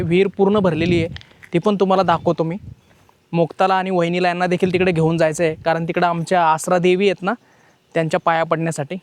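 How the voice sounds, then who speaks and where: A man's voice: sits high, dry recording. A man, chatting cheerfully as he walks through his farm for a village vlog, laughing often. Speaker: vlogger. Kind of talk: casual village vlog narration. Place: outdoors on farm fields.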